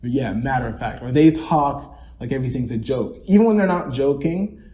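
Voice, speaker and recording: A man's voice: mid-range voice, lively intonation, moderate pace, dark tone. A young man co-hosting a podcast, chatting in a rambling way with lots of fillers and restarts. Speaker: podcast co-host. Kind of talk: casual reflective chat.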